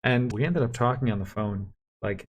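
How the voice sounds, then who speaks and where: A young man, a vlog co-host, telling a story in casual chat with animated, lively delivery. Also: lo-fi sound, a little hiss or hum. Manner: animated storyteller, jumps up in pitch for quoted voices; fast talker, says so himself.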